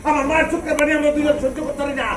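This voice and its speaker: A man playing a hot-headed son, fast and shrill. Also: little pitch movement, background noise. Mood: confronting. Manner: fast, heated, scolding. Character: indignant young son defending his mother. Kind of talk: comedy skit acting.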